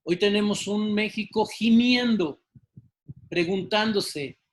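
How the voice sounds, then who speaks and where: A man with a notably high voice speaks as an interview guest. He talks slowly and emphatically like a preacher and stumbles on fillers now and then. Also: slight background noise, rough recording. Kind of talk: exhortation in an interview.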